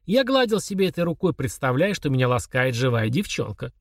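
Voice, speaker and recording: A man voicing a calm, mocking young man who chats casually while confessing murder to his father. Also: mid-range voice, brisk, dry recording, clean studio sound. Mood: coolly sneering. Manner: chummy, sneering, confessional tone.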